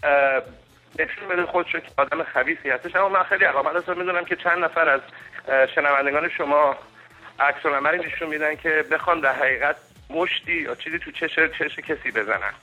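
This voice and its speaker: Male caller, formal and hesitant, sharp bright tone, lo-fi phone line. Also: a little high, soft background music. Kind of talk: call-in radio chat. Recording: dull phone-line call.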